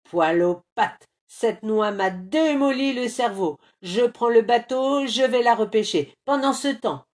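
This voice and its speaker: A woman's voice: a little high, slow, darkish tone, voice pushed up. A woman voicing a strong, sleepy male bear who grumbles and bellows, in a storybook reading. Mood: furious.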